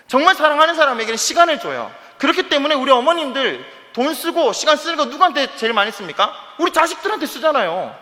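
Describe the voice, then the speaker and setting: A male pastor preaching a lively sermon to his congregation, with sudden quiet asides. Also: extremely high pitch. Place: church sanctuary. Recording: long hall reverb.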